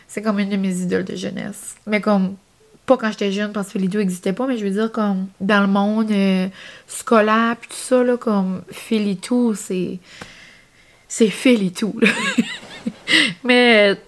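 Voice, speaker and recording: A woman's voice: mid-range voice, sing-song, a little slow. A young woman with an Acadian French accent, chatting casually in a vlog and rambling with lots of fillers. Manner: chatty, rambling, many fillers and "genre, comme". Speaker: vlogger.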